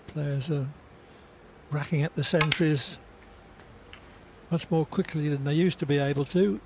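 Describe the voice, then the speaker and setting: Gravelly guy commentating snooker, slightly high voice, unhurried, informative. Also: steady tone, slight background noise. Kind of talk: sports commentary.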